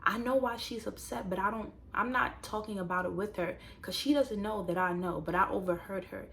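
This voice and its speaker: A woman in her twenties, casually telling a personal story to viewers and turning it into motivational advice, animated and talking straight to the audience. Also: medium pitch, brisk, gravelly, slight background noise. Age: 20s. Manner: animated, conversational, addresses viewers directly. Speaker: vlogger.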